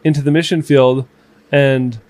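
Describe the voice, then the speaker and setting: A man in his twenties chatting casually as podcast co-host, reflective and halting, with fillers and restarts. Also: mid-range voice, fairly even intonation, a little mellow, no room sound. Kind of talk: casual conversation.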